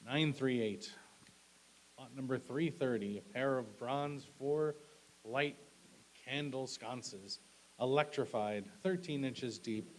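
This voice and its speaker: A man working as an auctioneer at a live auction, calling bids and lots in short, clipped, repetitive phrases with polite asides. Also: mid-range voice. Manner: repetitive, clipped bid calls with polite thanks. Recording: clearly audible background hiss.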